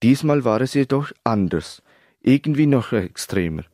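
A man narrating a story in a steady, even reading voice. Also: mid-range voice, moderate pace, no room sound, clean studio sound.

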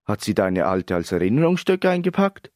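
A man yelling as a hot-headed young goalkeeper. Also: fairly low pitch, very animated, fairly quick, dry recording, studio quality. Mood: furious. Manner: shouting, brash. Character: young male footballer, hot-tempered goalkeeper.

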